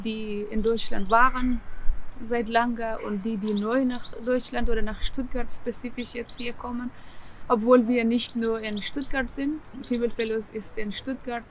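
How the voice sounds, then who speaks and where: Woman, halting. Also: fairly high pitch, a little hiss or hum, low-quality recording. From Afghanistan. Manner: searching for words, frequent fillers and restarts. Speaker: co-founder of the association. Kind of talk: interview answers to camera. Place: outdoors in a garden by leafy plants.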